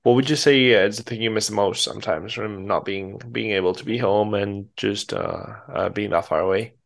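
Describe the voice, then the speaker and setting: Male interviewer, creaky, lowish voice, informal and unscripted podcast conversation. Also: brisk. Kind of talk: casual unscripted interview chat.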